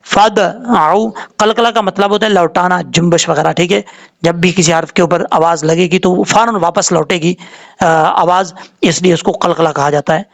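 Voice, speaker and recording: A man's voice: high-pitched, steady tone, normal speed, vocal fry. A man teaching Quran recitation rules, patiently explaining letters and vowels step by step. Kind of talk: tajweed lesson, spelling out letters and vowels.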